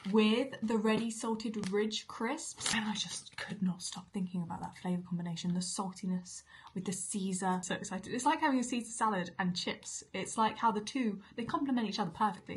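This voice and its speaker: A young British woman chats between bites as she taste-tests food for her vlog, now and then lowering her voice to a half-whisper. She has a British English accent and a mid-range voice, with a little background noise present.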